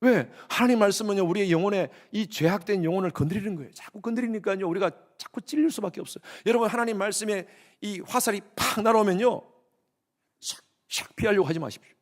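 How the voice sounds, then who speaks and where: A man in his fifties with a Gyeongsang Korean accent, preaching a lively sermon to his congregation and often speaking straight to them. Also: high-pitched, fast talker. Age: 50s. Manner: lively preaching, addresses congregation often, acts out quoted lines. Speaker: pastor.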